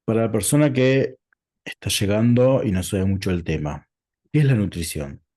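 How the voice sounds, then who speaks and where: A low-pitched man with a Rioplatense accent hosts a sit-down interview. His voice is mellow and a little husky. He asks his questions at a measured pace. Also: expressive. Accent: Rioplatense Spanish. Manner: measured, introduces topics in lists. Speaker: interviewer host.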